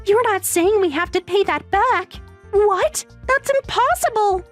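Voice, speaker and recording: A woman voicing a shrill panicked young wife. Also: normal speed, soft background music. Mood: desperate. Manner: shrill and pleading. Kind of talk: dramatized text story.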